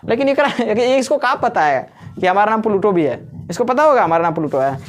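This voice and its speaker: A man's voice: high-pitched, animated, fairly quick. A man with a Jharkhand Hindi accent teaching a class in a coaching classroom, chatty and joking, often quizzing his students. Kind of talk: classroom lecture.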